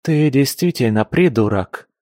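A man's voice: medium pitch, measured pace, darkish tone, dry recording, clean studio sound, natural voice. A man voicing a vengeful female beast-woman assassin who growls her threats in an audiobook. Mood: menacing. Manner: growling, menacing.

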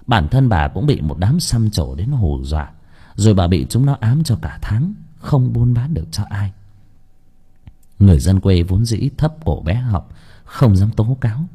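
Man, audiobook narrator, husky, expressive, lively pitch. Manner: expressive storytelling.

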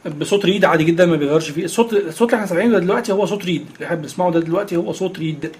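Fast-talking Egyptian man teaching. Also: high-pitched, a little mellow, a little hiss or hum. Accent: Egyptian Arabic. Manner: explains step by step with frequent filler sounds. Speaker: instructor. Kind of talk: screen reader tutorial.

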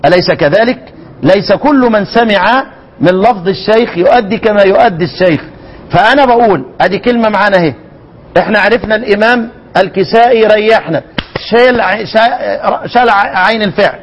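A man with an Egyptian Arabic accent teaching Quran recitation in a lecture, repeating words slowly as examples and quizzing his students. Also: sits high, rough recording.

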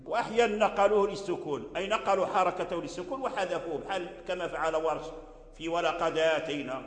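A man's voice: high voice, quick pace. A man, teaching Quran recitation and explaining verse by verse while repeating example words. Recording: echoey hall.

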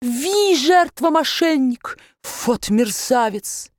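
A woman's voice: high-pitched, animated, slow pace, no echo, clean studio sound, voice pushed up. A woman voicing a pompous older male banker who speaks broken, foreign-accented speech in sudden outbursts. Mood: blustering.

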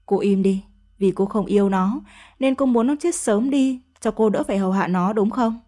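A woman's voice: mid-range voice, normal speed, mellow, natural voice. A woman voicing a harsh older mother-in-law who scolds and accuses her daughter-in-law in an audio story. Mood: scolding.

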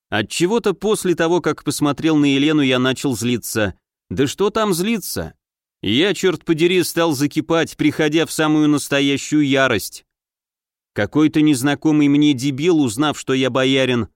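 A man's voice: fairly high pitch, dry recording. Dry, close male audiobook narrator. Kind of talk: first-person fantasy audiobook narration.

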